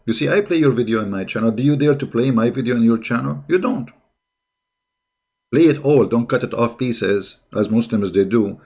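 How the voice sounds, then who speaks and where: He talks at a normal speed in a mid-range voice with vocal fry and a darkish tone. English isn't his first language. Hosting a religious debate channel, he mocks and reacts in a sarcastic, combative way, repeating rhetorical questions.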